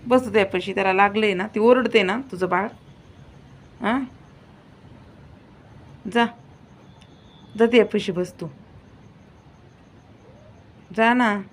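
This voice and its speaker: A woman's voice: medium pitch, unhurried, long pauses. A woman vlogging at home late at night, sleepy and tired, pleading over and over with her cat to let her sleep. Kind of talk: casual late-night vlog.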